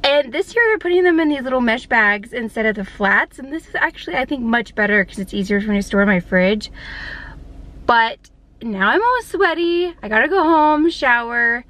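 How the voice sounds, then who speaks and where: A chatty woman with a slightly high voice, talking to her handheld camera as she goes about her day. Her talk rambles along, lively and full of small asides. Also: normal speed. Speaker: vlogger. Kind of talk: casual vlog chat to camera. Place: outdoors and in her car on a hot day.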